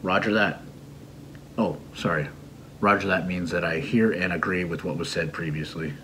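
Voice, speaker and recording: The audio is poor as a middle-aged English teacher and video host, seated at a computer desk in a small home room, gives a casual idiom lesson full of explanation and gentle teasing. His voice is deep and steady, delivered at normal speed.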